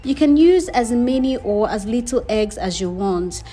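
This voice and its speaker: A woman's voice: on the high side, animated, normal speed, warm tone, husky, soft background music. A woman hosting her cooking channel, giving friendly step-by-step instructions in a voice-over. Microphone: voice-over, not recorded on camera.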